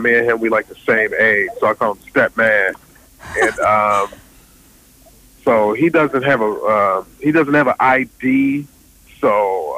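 A man, a stand-up comedian guest, joking with deadpan delivery and lots of fillers. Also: lowish voice, dry recording, low-quality recording. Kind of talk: joking interview banter.

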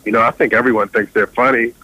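A man, a stand-up comedian guest, joking with deadpan delivery and lots of fillers. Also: medium pitch, quick pace, dry recording, rough recording. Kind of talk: joking interview banter.

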